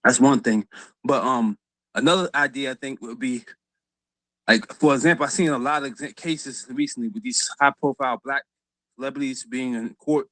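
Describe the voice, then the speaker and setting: A male caller with a mid-pitched voice speaks hesitantly and politely, pausing often. The sound is dry and close. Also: sharp tone, no echo, rough recording. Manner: hesitant, polite, full of ums. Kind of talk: casual call-in chat.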